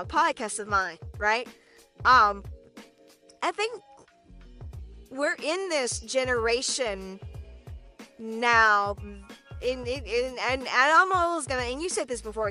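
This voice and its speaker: A woman's voice: fairly high pitch, lively intonation, a little slow, long pauses, sharp tone, soft background music. A woman co-hosting a podcast in casual chat, chatty, repeating words and often tagging on "right?". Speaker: podcast co-host.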